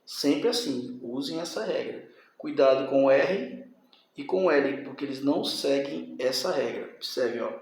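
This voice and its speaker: A man's voice: mid-range voice, lively intonation, measured pace, very echoey. A man teaching a grammar lesson, explaining step by step and checking in with his students. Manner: explains step by step, often asks "tá?" and "certo?".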